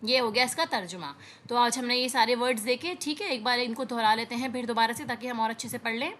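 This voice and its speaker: A woman teaching an Arabic lesson, reading words slowly and explaining them patiently with frequent checks on understanding. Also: a little high, fairly bright tone, a little hiss or hum. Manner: explains patiently, repeats words, often says "theek hai" to check understanding. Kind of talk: classroom lesson.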